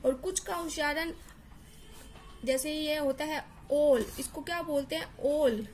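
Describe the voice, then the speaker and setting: A high-pitched woman teacher talks slowly and carefully. She repeats words and spells out letters to drill each sound. A faint room hum sits behind her. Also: fairly even intonation, a little mellow. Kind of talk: explaining English pronunciation.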